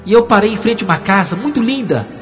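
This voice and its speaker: A man's voice: sits high, animated, fast talker, faint music behind. A pastor giving a dramatic testimony sermon, acting out the voices in his story. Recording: dull recording with long hall reverb.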